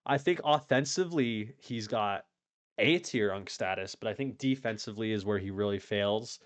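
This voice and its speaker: Speaking at a moderate pace in a lowish voice, a male YouTube MMA commentator offers loose, opinionated remarks about fighters. There's no echo, and his delivery wanders, full of profanity and false starts.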